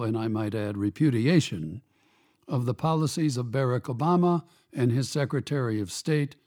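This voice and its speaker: Man with a dark, mellow voice. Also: medium pitch. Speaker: host of a radio commentary program. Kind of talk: scripted opinion commentary.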